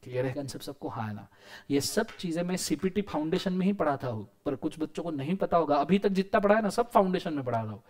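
A man with an Indian accent giving a lively law lecture to students, often checking if they follow and acting out little quoted lines. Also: on the high side, quick pace. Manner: animated, asks questions, acts out quotes. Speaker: teacher.

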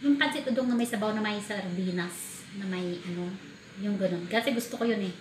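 A woman from the Philippines telling a food story in a casual vlog, animated and laughing as she talks. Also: medium pitch, fairly quick. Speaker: vlogger. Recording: echoey room with faint ambient noise.

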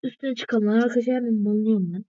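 A woman's voice: fairly high pitch, fairly even intonation, quick pace, mellow, dry recording. A woman giving casual gameplay commentary, chatting to viewers and calling them friends again and again. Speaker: gaming video maker. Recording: dull lo-fi dry recording.

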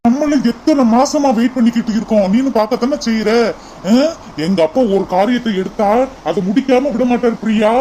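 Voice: medium pitch, brisk, dark tone, slight background noise, natural voice, poor audio. An earnest young man in a cartoon, voiced by an actor, coaxing and reassuring the woman he loves in a Kanyakumari Tamil accent. He keeps repeating her name as he talks her round. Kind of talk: cartoon voice acting.

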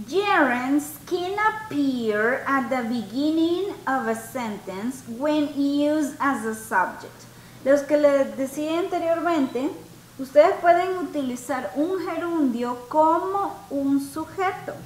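Woman teacher, high voice, slow and patient, switches languages, echoey room, faint noise. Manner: slow, patient, mixes Spanish and English. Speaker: English teacher. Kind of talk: online class, explaining grammar.

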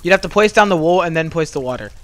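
Bossy young man yelling over voice chat. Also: on the high side, lively intonation, fast talker. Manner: bossy, swearing, shouts at teammates. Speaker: gamer. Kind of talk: casual gaming voice chat.

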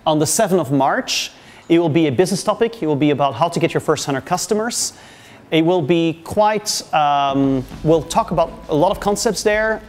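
A man introducing a community workshop, speaking loosely with many fillers in a small meeting room. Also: fairly high pitch. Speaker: meetup organizer and host. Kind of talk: casual event introduction.

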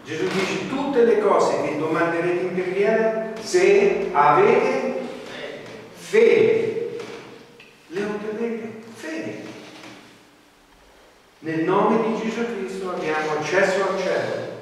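A man's voice: sits high, moderate pace, hardly any pauses, a little hiss or hum. A male preacher giving an evangelical sermon, emphatic and often asking his listeners "no?" between points. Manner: emphatic, swings loud and soft, asks the congregation "no?". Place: church hall. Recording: echoey hall from far off.

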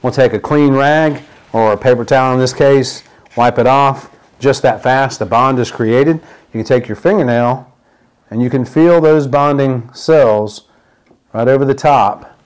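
A middle-aged man in a product demonstration video, explaining a repair step by step with plenty of fillers, at a demo table indoors. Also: medium pitch.

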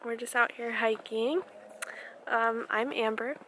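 A woman's voice: on the high side, fairly even intonation, takes it slowly, bright, forceful tone. A woman in her early twenties with an American accent, chatting casually and tentatively as a self-conscious vlogger outdoors. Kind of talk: casual vlog chat. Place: outdoors on wooded trail and open prairie. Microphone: camera at arm's length. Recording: noisy outdoor handheld camera audio.

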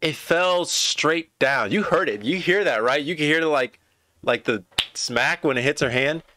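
A man streaming a rugby match, chatting casually and excitedly to his viewers as he reacts to the play. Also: fairly high pitch, moderate pace, background noise. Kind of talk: casual live reaction commentary.

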